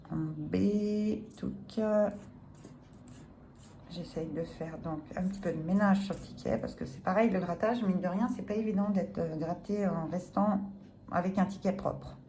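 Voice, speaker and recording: A woman talks through a scratch-off ticket letter by letter in a slow, unhurried way. Her voice is soft and dark rather than bright. A faint hum of room noise sits underneath her chatty, self-mocking commentary. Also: on the low side. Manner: chatty, self-deprecating, apologetic laughs. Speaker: lottery scratch card vlogger. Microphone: phone or camera filming the ticket.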